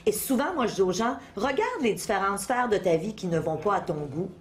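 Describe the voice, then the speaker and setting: As an interview guest, this motivational speaker and author, a middle-aged Québécoise with a Quebec French accent, teaches self-help ideas in a chatty, didactic way, posing questions and giving examples to listeners. She speaks briskly in a medium, sing-song voice.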